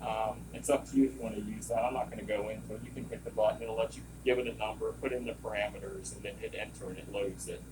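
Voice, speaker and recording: With a voice on the low side, a steady tone and hardly any pauses, a man talks fast through a hands-on equipment training, casually wandering off topic. Running lab machinery fills the room, and the distant mic picks up loud compressor and vacuum pump noise.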